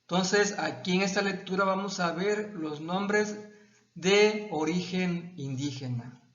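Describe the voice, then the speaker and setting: Slow, halting Mexican teacher. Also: male voice, sits high, fairly bright tone. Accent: Mexican Spanish. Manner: halting, repeats words and restarts, addresses students as "jóvenes". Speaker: history teacher. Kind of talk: classroom lesson, reading and explaining a textbook. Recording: echoey, dull lo-fi room sound.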